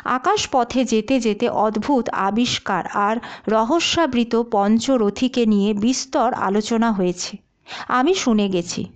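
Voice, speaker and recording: A woman narrating a detective story in an expressive audiobook style. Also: a little high, a little slow.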